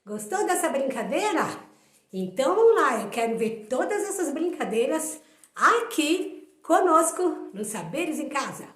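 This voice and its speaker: A woman presenting a children's program, leading a traditional chant game in a slow, singsong way. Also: sits high, sing-song, a bit bright. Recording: roomy, from off mic.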